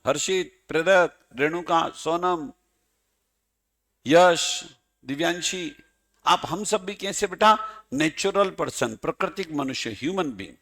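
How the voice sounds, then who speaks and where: Male teacher, slightly high voice, playful classroom lecturer who calls students by name. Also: a bit bright. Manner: playful, addresses students by name, chanting mock examples.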